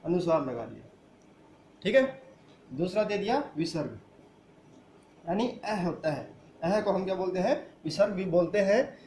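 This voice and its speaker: A man's voice: sits high, animated, a little slow, pauses often, a little mellow, reverberant, slight background noise. A man teaching a grammar lesson who asks the class questions and answers them himself. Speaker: school teacher.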